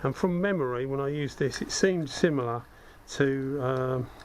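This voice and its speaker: Demonstrating spray gun gear hands-on, a hobbyist host speaks at a normal pace in a mid-range voice that's a little croaky from a cold. He keeps it conversational, thinking through things aloud and adding self-deprecating asides. It's captured on a head-mounted action camera with steady workspace noise behind him.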